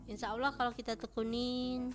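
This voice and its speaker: A woman's voice: fairly high pitch, flat delivery, a little fast, over music. A middle-aged woman guest on a radio talk show, giving plain, short answers and frequent murmurs of agreement. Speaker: guest, knitting shop owner.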